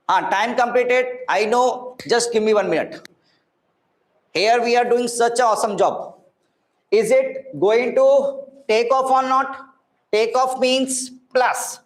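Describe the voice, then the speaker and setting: Man, Indian accent, high-pitched, physics teacher, interactive online class, repetitive questioning, Hindi-English mix, echoey room. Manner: repeats phrases, asks frequent checking questions; mixes Hindi words into English.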